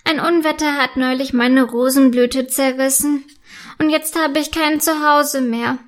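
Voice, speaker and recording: A woman voicing a small, shy fairy girl who speaks softly and wistfully in a storybook reading. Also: high voice, fairly even intonation, measured pace. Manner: soft and wistful.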